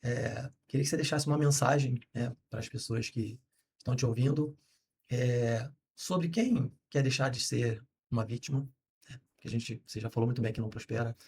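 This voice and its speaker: Male podcast host, average pitch, measured interviewer. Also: vocal fry, darkish tone, breathy edge.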